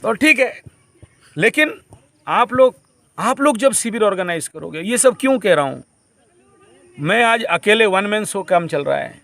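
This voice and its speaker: A man with a high voice lectures a camp group. He preaches in a repetitive way and drops English phrases into his teaching. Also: animated, unhurried, long pauses, a bit bright, no room sound.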